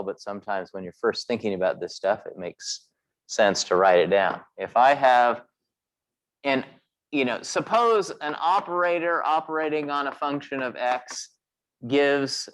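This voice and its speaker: In this recorded physics lecture, the male instructor has a medium-pitched, fairly bright voice. He explains things step by step and draws the class in with questions throughout.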